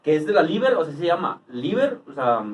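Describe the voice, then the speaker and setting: A man's voice: a little high, big pitch swings, a little fast. A young Mexican man joking with crude slang during a casual beer-tasting chat. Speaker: co-host. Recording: voice a bit far from the mic.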